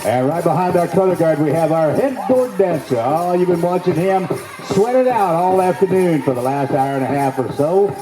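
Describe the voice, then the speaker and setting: A man working as a powwow emcee, announcing the grand entry to the crowd in a folksy, showman's manner with drawn-out phrases. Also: on the high side, animated. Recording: echoey PA sound with music behind.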